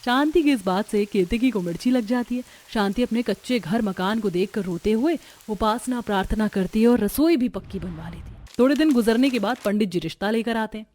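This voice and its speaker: A woman's voice: medium pitch, a little fast, hardly any pauses, a little mellow. A woman narrating a family cartoon story in a dramatic storytelling manner. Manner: dramatic, switches between narration and character voices. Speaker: narrator voicing all female characters.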